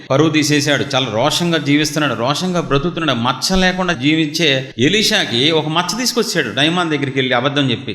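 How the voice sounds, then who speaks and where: Bright-voiced preacher in an echoey room. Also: male voice. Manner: rhetorical questions, dramatic drops to low intense tone. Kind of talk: sermon.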